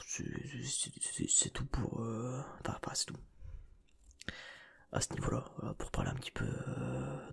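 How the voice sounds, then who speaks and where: Creaky and slightly rough, this mid-range male voice belongs to an ASMR creator who whispers right at the listener's ear. Using a close binaural microphone, he talks informally and rambles in a relaxed way.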